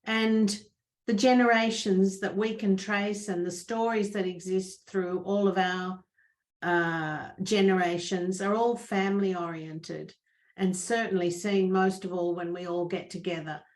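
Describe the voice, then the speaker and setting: A woman's voice: mid-range voice, steady tone, unhurried. A middle-aged woman, a church member and mother giving a prepared, earnest talk about her family's faith.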